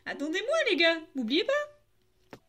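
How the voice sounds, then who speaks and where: A woman's voice: sits high, lively intonation, normal speed. A woman reading a children's storybook aloud, voicing a boastful male Persian cat who knows every street, in a cocky, exclamatory manner. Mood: eager.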